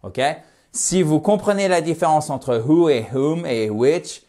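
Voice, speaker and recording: A man teaching a lively lesson, often slowing to repeat words and model how they sound. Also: fairly high pitch. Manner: animated, repeats words slowly to model pronunciation. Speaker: English teacher.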